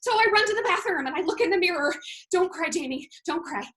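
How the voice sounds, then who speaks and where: A woman's voice: very high voice, lively intonation, quick pace, fairly bright tone, low-quality recording. A woman performing a monologue as a frazzled young waitress at a busy restaurant, telling her story in breathless, spiraling runs that tip into tears. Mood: weepy. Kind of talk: stage monologue over video.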